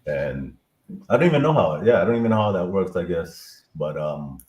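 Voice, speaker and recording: Casting: low-voiced man reminiscing, on a roomy remote line with faint hiss. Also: lively intonation, moderate pace. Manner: reminiscing, tells a story with warm praise. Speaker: guest. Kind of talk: casual chat.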